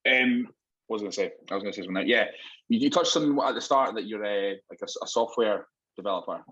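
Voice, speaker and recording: Husky Scottish man hosting a podcast. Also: fairly low pitch, quick pace, fairly bright tone, dull audio. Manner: casual, swears, says "like" a lot. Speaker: podcast host. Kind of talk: casual chat.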